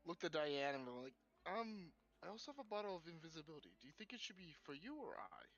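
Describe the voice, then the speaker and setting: A man's voice: on the high side, big pitch swings, fast, fairly bright tone, muffled recording, faint music behind. Giggly, chatty male player. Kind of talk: casual chat.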